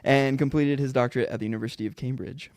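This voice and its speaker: A man's voice: mid-range voice, steady tone, fast, a little mellow, no echo. Casual podcast host man, dry sound. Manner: casual, laughs easily, reads an intro. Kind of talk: casual podcast chat and intro. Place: studio.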